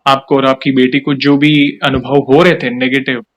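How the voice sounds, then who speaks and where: A man hosting an interview, who asks questions and then explains points in a calm, measured way. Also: mid-range voice, highs cut off. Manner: calm, measured, with frequent affirming replies. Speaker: host interviewer. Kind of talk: interview and spiritual commentary.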